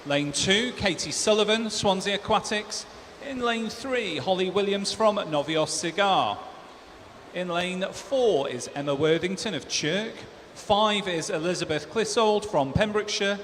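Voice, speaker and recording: High-pitched male sports announcer in echoing hall. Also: a little slow, a bit bright. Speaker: swim meet announcer and commentator. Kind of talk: formal race announcing, listing lanes, names and results. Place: large indoor swimming pool hall. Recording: echoey hall PA, clear background noise.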